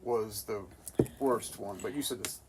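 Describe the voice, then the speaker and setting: A man co-hosting a podcast, speaking candidly in a slow, hesitant way with a lot of pitch movement. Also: noisy background. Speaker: podcast co-host. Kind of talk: candid conversational podcast talk.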